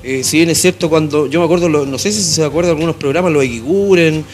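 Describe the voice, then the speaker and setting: A Chilean man hosts a studio interview in a fairly high voice. He asks informal questions that stop and restart, speaking into a handheld microphone. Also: quick pace, faint music behind. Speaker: interviewer and host. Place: television studio with small audience.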